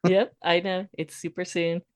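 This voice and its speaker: A middle-aged woman with a fairly low voice co-hosts a podcast in easy casual chat. She laughs often as she talks. Her voice sits close and dry on the mic. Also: little pitch movement, normal speed, no room sound. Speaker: podcast co-host.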